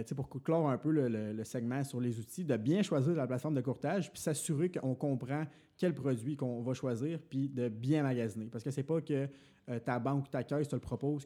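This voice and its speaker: A man's voice: mid-range voice, a little fast, dark tone. A young man with a Quebec French accent, a podcast co-host, explaining investing in casual talk with many fillers and restarts.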